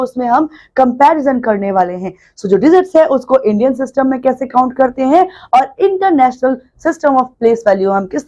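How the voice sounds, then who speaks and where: Young woman teacher, high voice, patient slow delivery, reads numbers to a class. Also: darkish tone. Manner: mixes Hindi and English, addresses children often. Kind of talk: classroom math lesson.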